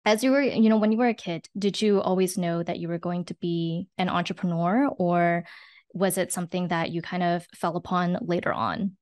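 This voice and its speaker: A woman's voice: fairly low pitch, fairly even intonation, normal speed, darkish tone. A woman hosting a podcast over a headset, friendly and chatty, with many "like" and "you know" fillers. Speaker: podcast host. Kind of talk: remote interview.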